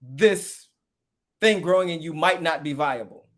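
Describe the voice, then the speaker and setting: A man's voice: fairly high pitch, a little slow, a bit bright. Questioning man on a podcast. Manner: questioning, restarts his sentences. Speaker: podcast co-host. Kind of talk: casual debate.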